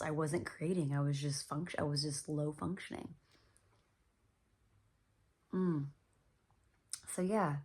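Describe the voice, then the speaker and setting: A woman with a low, gravelly voice shares her story in an earnest, reflective monologue. Her voice is husky and often sinks into a near whisper. She speaks gently, with plenty of pauses and fillers. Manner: soft-spoken, often trailing into a whisper. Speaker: podcast host.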